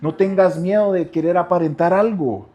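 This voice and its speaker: At a normal speed, a man pastor preaches, speaking directly to his congregation and repeating phrases. His delivery shifts from soft, low asides to loud cries.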